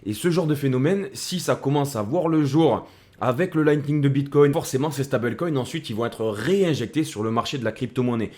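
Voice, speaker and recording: A crypto video host with a medium-pitched, darkish voice talks fairly quickly through casual commentary. He's chummy throughout, addressing the viewer like a buddy.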